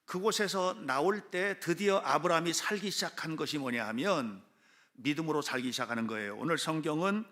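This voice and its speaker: A male pastor preaching a sermon in a church, speaking straight to the congregation and rising to shouts at his high points. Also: animated, a little fast. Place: church sanctuary with a gathered congregation.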